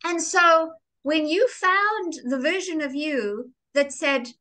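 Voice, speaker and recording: A woman speaking as a guest in an interview, expressive and theatrical, with lively emphasis on key words. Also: high-pitched, slow pace. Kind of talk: enthusiastic interview conversation.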